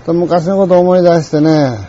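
An older man with a Kansai accent telling a rambling, reflective story in a folksy way, often clearing his throat. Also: fairly high pitch, fairly even intonation, moderate pace, warm tone, dull audio, a little hiss or hum. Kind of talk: reflective monologue.

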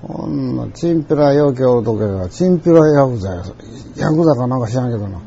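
A man's voice: medium pitch, expressive, fast, gravelly, mellow, dull audio, a little hiss or hum. An older man with a Kansai accent, telling old stories in a rambling way and chuckling now and then. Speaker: storyteller. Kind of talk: casual spoken reminiscence.

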